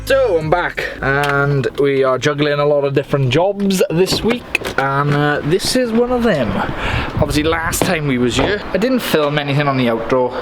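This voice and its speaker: Echoey, higher-pitched man vlogging, as if under a bridge. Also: normal speed. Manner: upbeat, chatty. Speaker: mural painter and vlogger. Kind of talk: casual vlog to camera. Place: empty indoor shop being fitted out. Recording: echoey hall-like room, some noise.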